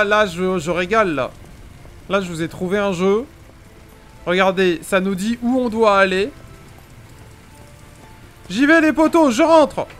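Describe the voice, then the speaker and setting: A man's voice: sits high, a bit bright. A young man hosting casual gameplay commentary, exclamatory and slangy, speaking straight to his viewers. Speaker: gaming video host. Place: small indoor gaming room.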